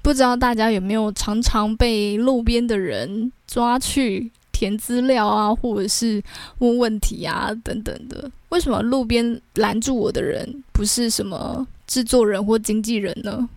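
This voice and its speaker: Young woman podcast host, Taiwanese Mandarin accent, higher-pitched, dry sound, casual chatty storytelling. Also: fairly even intonation, a little slow, no room sound. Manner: chatty, tags sentences with filler words.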